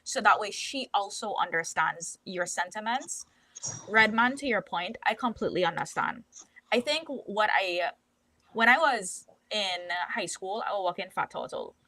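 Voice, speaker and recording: A woman's voice: mid-range voice, expressive, measured pace, bright, forceful tone, dry recording. A young woman co-hosting a podcast, talking earnestly and opinionated, telling stories from her own life. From Caribbean. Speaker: podcast co-host. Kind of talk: casual podcast discussion.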